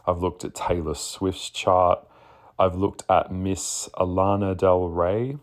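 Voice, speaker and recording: A man with a deep, husky, just-woken voice, chatting casually as a podcast host in a sassy, blunt way. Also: little pitch movement, takes it slowly. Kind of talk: casual spoken monologue.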